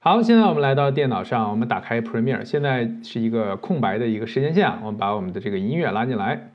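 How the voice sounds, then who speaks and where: Lively man teaching video editing. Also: medium pitch, quick pace, lo-fi sound, faint music behind. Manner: patient, explanatory, with many fillers. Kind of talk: screen-recorded software tutorial.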